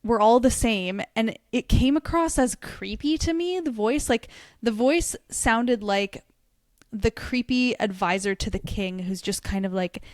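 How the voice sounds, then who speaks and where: A woman's voice: a little high, a little slow, a little mellow, no room sound, studio quality. A young woman co-hosting a book podcast, chatting casually and animatedly, laughing often. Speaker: podcast co-host. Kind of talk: casual book review chat.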